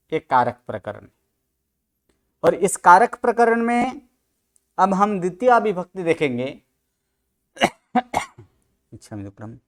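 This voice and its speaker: In an online study-group lecture, a man teaches Sanskrit grammar, quizzing students and correcting their pronunciation. His voice is fairly high and clean.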